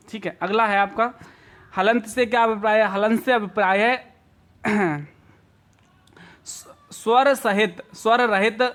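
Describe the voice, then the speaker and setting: Young male teacher from India, high voice, patient exam-prep lecture that rephrases every answer. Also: fairly bright tone. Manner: explains slowly, repeats and rephrases answers, drawn-out examples.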